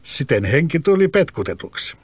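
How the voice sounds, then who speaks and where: A man narrating a fairy tale in a calm, even storybook reading. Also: a little high, slightly rough, no echo.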